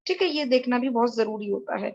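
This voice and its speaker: High-voiced woman lecturing step by step. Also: a little fast, darkish tone, no room sound, muffled recording. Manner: methodical, step-by-step explaining to viewers. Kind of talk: screen-recorded tutorial lecture.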